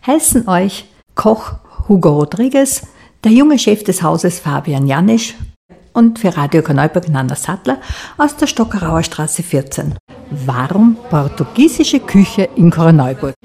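A woman's voice: on the low side, very animated, a little slow, mellow, slightly rough. A woman with an Austrian accent, a local radio reporter asking chatty, friendly interview questions. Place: restaurant dining room.

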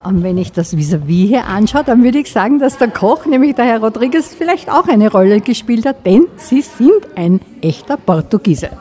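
A woman's voice: fairly high pitch, sing-song, normal speed, few pauses, warm tone, faint music behind. A woman with an Austrian accent, a local radio reporter asking chatty, friendly interview questions. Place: restaurant dining room.

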